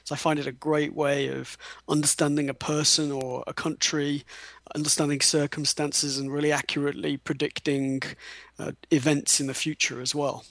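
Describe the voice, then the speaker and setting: A man on a psychic show, speaking in a measured way. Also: fairly high pitch, little pitch movement, gravelly, fairly bright tone, no echo. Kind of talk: casual chat.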